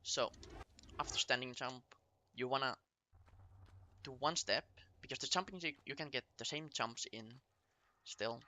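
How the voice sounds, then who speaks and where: A man's voice: medium pitch, measured pace, pauses often, bright, forceful tone, slight background noise. A man speaking as a speedrunner, giving a casual route tutorial in short, step-by-step instructional phrases. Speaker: speedrunner explaining a game route to viewers.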